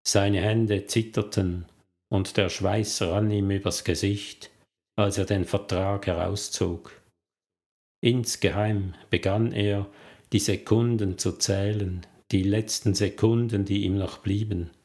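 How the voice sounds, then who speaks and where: A man narrating a thriller audiobook in a measured, deliberate way. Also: lowish voice, a little mellow.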